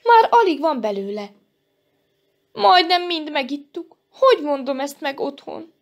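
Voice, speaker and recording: A woman voicing a scared little wildcat girl, with high, fretful exclamations. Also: expressive. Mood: alarmed.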